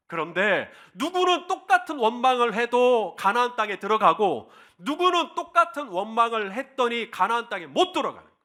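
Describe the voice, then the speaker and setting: A male pastor delivers an impassioned sermon, his voice high and bright. His pitch leaps widely as he calls out verses for the congregation to repeat and voices the cries of the people he quotes. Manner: leads the congregation in call-and-response scripture reading.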